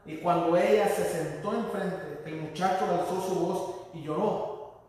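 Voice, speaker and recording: Man, sermon, halting and repetitive, high voice, long hall reverb. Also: steady tone, darkish tone. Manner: halting, repeats words, tells the story with feeling. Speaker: preacher. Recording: echoey hall from far off.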